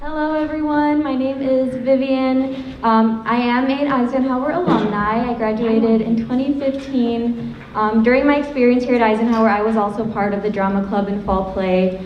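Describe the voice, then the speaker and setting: A woman's voice: a little high, fairly even intonation, moderate pace. A woman in her twenties, the assistant director, introduces student performers from a school stage in a polite, slightly nervous way. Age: 20s. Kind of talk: stage introduction to a live audience. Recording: dull echoey hall, far from mic, faint hiss.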